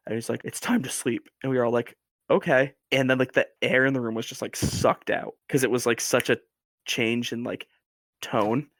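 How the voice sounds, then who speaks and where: A man guesting on a podcast, telling a story in a casual, animated way with lots of fillers. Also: medium pitch, fairly quick, no room sound, clean studio sound.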